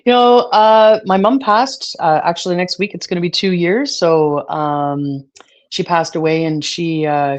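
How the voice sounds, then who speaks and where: Low-voiced woman, halting and emotional. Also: a little mellow, lo-fi sound. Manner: halting, with many fillers and restarts. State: choked up, emotional. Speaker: guest. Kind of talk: casual interview talk.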